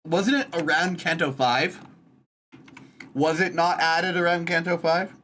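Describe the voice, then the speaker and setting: A woman livestreaming games in casual chat, with a playful, dramatic, expressive gamer manner. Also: fairly low pitch, measured pace.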